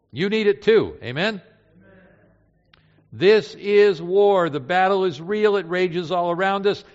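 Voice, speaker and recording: Older male pastor preaching in a hall. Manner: storytelling, swings between loud emphasis and hushed low lines. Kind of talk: sermon. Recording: dull sound in a reverberant hall.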